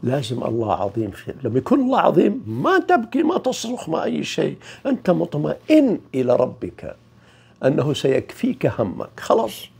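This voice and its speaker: A man giving an informal spiritual talk, swinging from loud emphasis to near-whispers. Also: fairly high pitch, wildly swooping pitch, fairly quick, vocal fry, slight background noise. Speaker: spiritual teacher.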